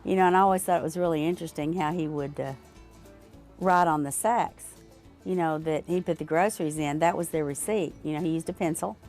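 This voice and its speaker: Interviewed about her family store, an older woman from Arkansas reflects slowly, halting often and using many fillers. Her fairly low voice is a little mellow with fairly even intonation, and soft music plays in the background.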